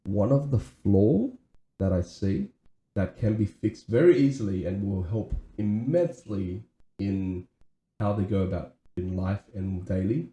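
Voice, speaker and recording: A man's voice: fairly low pitch, measured pace, warm tone, reverberant. A man co-hosting a casual podcast chat, talking earnestly with many restarts and "right?" tags. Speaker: podcast co-host.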